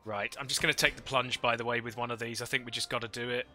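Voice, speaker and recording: Fast and bright with a pushed quality, this man's medium-pitched voice stays fairly even in intonation while soft music plays underneath. He's streaming a strategy game live through a headset mic, casually reasoning out loud and talking with his viewers.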